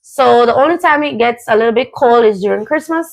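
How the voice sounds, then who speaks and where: A woman from Jamaica with a Jamaican accent, hosting a casual conversation in a relaxed, chatty way with frequent ums. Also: on the high side, fairly quick, gravelly, rough recording. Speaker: host.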